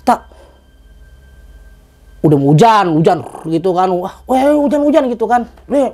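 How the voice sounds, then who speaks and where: A young man, a guest telling a story in casual chat, animated, acting out dialogue and swearing casually. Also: sits high, measured pace.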